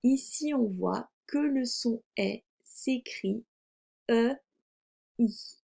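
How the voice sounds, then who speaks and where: A woman teacher giving a recorded phonics lesson to young children, articulating slowly and carefully. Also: fairly high pitch, gravelly, warm tone. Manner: slow, careful, over-articulated delivery. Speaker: primary school teacher.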